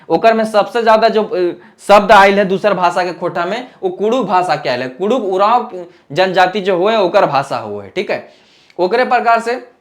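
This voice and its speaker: A man giving an exam-prep lecture. He talks in a conversational way, keeps checking in with the class, and slips into local dialect for his examples. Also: high-pitched. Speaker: teacher.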